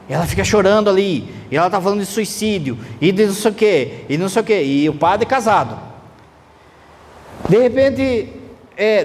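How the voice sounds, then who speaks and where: High-voiced priest preaching. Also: male voice. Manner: conversational, animated, uses rhetorical questions. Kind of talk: sermon. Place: church. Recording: reverberant church hall, faint noise.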